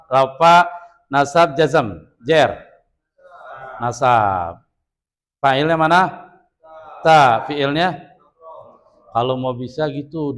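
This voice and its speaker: A man with an Indonesian accent teaching Arabic grammar to a class, quizzing students and slowly repeating key terms. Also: mid-range voice. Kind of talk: classroom lesson. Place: Islamic boarding school classroom.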